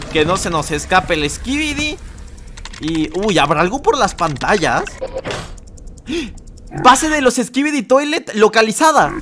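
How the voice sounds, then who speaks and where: Excitable man reacting to videos. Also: high voice, slight background noise. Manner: animated, shouts and exclaims, playful slang. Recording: music playing behind.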